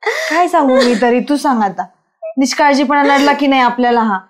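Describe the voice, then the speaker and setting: A woman's voice: high-pitched, lively intonation, fairly quick. A woman playing a village friend who scolds and comforts in turn in a web drama. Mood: chiding. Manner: chiding yet comforting.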